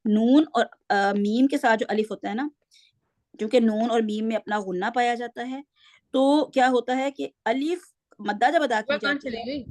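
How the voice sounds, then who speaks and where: A woman's voice: fairly high pitch, darkish tone, dry recording, clean studio sound. A woman teaching a Quran reading class online, patiently correcting her students step by step and speaking into a computer mic on a video call.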